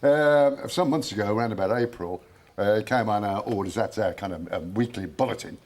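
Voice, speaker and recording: A man's voice: fairly low pitch, brisk, a little mellow, slight background noise. An older man, a veteran, chatting as an easygoing and somewhat hesitant TV guest. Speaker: Chelsea Pensioner, veteran guest. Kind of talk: casual TV interview.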